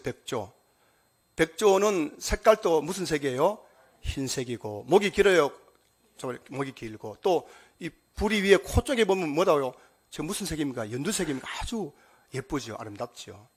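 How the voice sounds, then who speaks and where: A man's voice: fairly high pitch, breathy edge. A man preaching a sermon as pastor, telling a story and asking the congregation questions.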